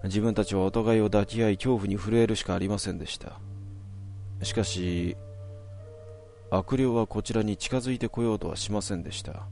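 A man narrating a horror story from his own past in a measured, suspenseful way. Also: on the low side, gravelly, a little mellow, soft background music.

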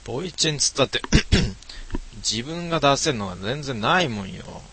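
A man's voice: medium pitch, animated, moderate pace, sharp tone, a little hiss or hum. A man casually reading viewer comments aloud and joking at his own expense. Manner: self-mocking, muttering asides. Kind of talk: casual chat.

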